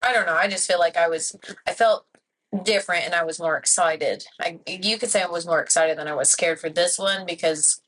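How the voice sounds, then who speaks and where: A woman in her twenties, a podcast guest, telling a personal story in a rambling, animated way full of "like". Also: lowish voice, a little fast, rough recording. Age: 20s. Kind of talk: casual chat.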